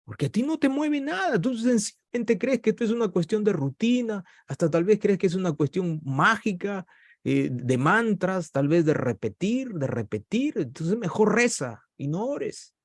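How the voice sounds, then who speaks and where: A man's voice: sing-song, moderate pace, no room sound, clean studio sound. A man preaching a sermon with passion, his voice rising sharply at points of emphasis. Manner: impassioned preaching with sudden rises in pitch. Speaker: pastor.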